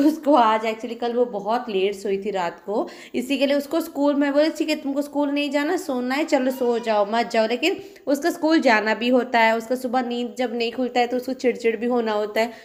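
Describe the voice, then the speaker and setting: Chatty young Indian mom vlogging. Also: female voice, a little high. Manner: chatty, mixes English phrases into Hindi. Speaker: vlogger and mother. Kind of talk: casual home vlog chat.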